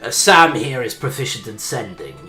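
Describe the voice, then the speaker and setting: Man playing a placating adventurer dad, bright voice. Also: mid-range voice, expressive, normal speed. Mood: matter-of-fact. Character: placating adventurer father, open with his sons. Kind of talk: tabletop role-play in character. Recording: roomy, echoey microphone with faint music.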